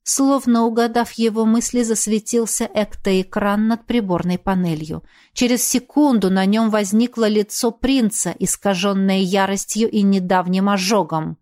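A woman's voice: medium pitch, steady tone, normal speed, few pauses, a little mellow. A woman reading dramatic fiction as a scripted audiobook narrator.

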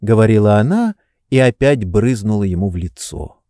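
Dark-voiced male audiobook narrator. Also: on the low side, expressive, moderate pace, dry recording, clean studio sound. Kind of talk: scripted literary narration.

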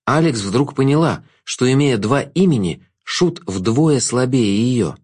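Man with a lively, expressive reading voice. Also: medium pitch, a little slow, husky. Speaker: audiobook narrator. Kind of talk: scripted fantasy narration.

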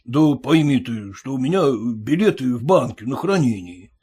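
A man's voice: medium pitch, very animated, moderate pace, warm tone, slightly rough. A man voicing an older merchant father-in-law who soothes and coaxes in an evasive way. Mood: placating. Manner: soothing, coaxing.

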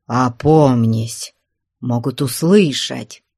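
Casting: a woman playing a nervous man coaxing in low, slow tones, dry close sound. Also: big pitch swings, dry recording, heavily acted. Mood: pleading. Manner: hushed, pleading, slow. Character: flustered anxious man, pleading softly.

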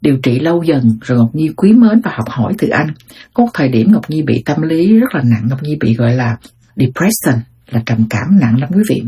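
A woman's voice: brisk, breathy edge. A woman, chatting casually to her viewers as she tells life stories, often turning to address them directly. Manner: chatty, addresses listeners directly, animated swings in pitch. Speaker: storyteller host.

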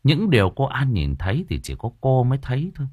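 A man narrates a story with lively, expressive delivery. His voice is husky and his pitch swings widely. The recording is dry and close. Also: fast talker, no room sound, muffled recording. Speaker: audiobook narrator.

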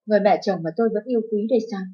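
A woman narrating a dramatic first-person story in a steady, emotive storytelling voice. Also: mid-range voice, very fast, husky. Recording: dull lo-fi with faint music.

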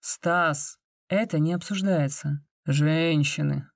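Grumpy easygoing young man, offhand, read by a woman in her own low voice. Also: moderate pace, no room sound, studio quality, lightly acted. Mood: grumbling. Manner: grumbling, offhand.

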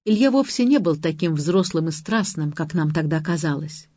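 A woman's voice: low-pitched, expressive, normal speed, mellow, dry recording, muffled recording. A woman narrating a first-person audiobook in an emotional, confessional way.

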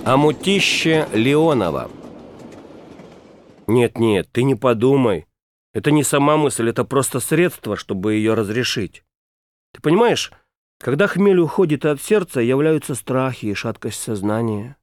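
A man's voice: mid-range voice, animated, a little slow, no room sound, clean studio sound. A man reading a first-person literary story aloud, ironic and declamatory, rambling through his thoughts. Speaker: audiobook narrator.

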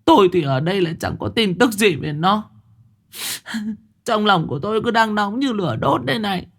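Tearful older mother, voiced by a male narrator, raised high and pleading, anxious for her son. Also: expressive, a little fast, gravelly, a bit bright, heavily acted. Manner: sobbing, pleading.

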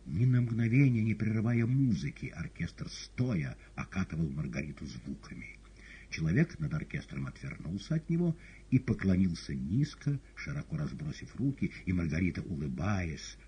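A man narrating a novel as an audiobook in an expressive, dramatic reading. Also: low-pitched, slight background noise. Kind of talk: scripted literary narration.

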